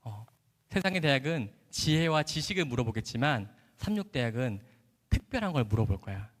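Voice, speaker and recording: A gentle, caring mother speaks in a hushed, lowered, coaxing voice, as a man acts her out in his story. The sound carries a long, echoey hall reverb. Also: sing-song, a little fast. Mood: tender. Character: gentle soft-spoken older mother, caring.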